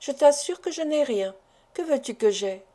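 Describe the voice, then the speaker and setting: A woman's voice: high-pitched, expressive, moderate pace, mellow, voice pushed up. A woman reading a frightened, pleading young wife. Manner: fervent, pleading.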